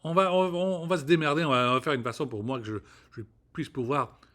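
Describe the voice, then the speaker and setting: A man's voice: fairly high pitch, fairly even intonation, fast talker, fairly bright tone. A man ranting in a casual monologue, rambling and profane, often restarting his words. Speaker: vlogger. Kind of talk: casual spoken rant to camera.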